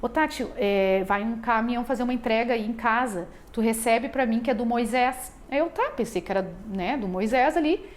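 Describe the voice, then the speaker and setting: A woman's voice: fairly high pitch, brisk, few pauses. A woman with a southern Brazilian accent from Rio Grande do Sul, nervously telling a heartfelt church testimony in a rambling way, full of fillers and restarts. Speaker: church member giving testimony. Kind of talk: emotional personal church testimony.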